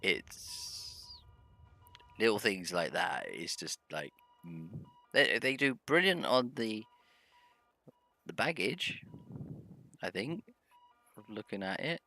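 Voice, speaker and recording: Man, slow hesitant game commentary, hums to himself. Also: lowish voice, big pitch swings, gravelly, bright, forceful tone, faint music behind. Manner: rambling, hesitant, humming to himself. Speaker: gameplay video host. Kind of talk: casual let's-play commentary.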